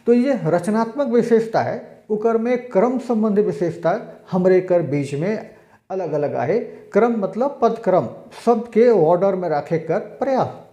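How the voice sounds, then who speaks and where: A male teacher lectures slowly and patiently, working through spoken examples one by one. His voice is high-pitched yet mellow. The recording sounds dull and roomy. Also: lively intonation. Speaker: language teacher. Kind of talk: recorded exam-prep lecture.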